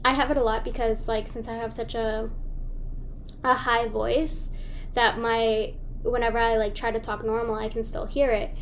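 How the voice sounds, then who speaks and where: A young woman, a voice actress guest, chatting casually on a podcast, rambling and self-deprecating, with vocal fry. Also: fairly high pitch, level tone, normal speed, a little hiss or hum.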